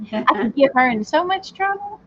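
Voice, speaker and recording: A woman's voice: sits high, big pitch swings, normal speed. A middle-aged woman co-hosting a casual livestream chat, joking and giggling as she talks. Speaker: co-host. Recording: dull lo-fi stream audio with faint hiss.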